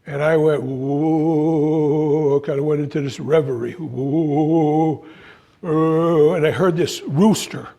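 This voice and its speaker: An older man telling a spiritual story in an animated way, acting out voices and exclamations. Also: on the high side, fairly quick, few pauses, husky. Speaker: spiritual speaker. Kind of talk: storytelling talk.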